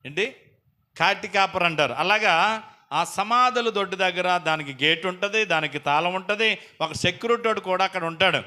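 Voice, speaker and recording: A man's voice: high voice, normal speed, bright, forceful tone. A man preaching a sermon, telling a story dramatically with repeated phrases.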